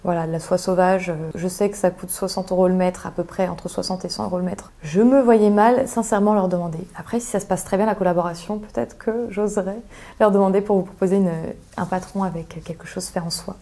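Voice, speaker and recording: A woman's voice: fairly low pitch, steady tone, a little fast, warm tone. A young woman chatting casually as a sewing vlogger, thinking aloud with lots of hesitations as she describes fabrics. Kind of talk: casual chat.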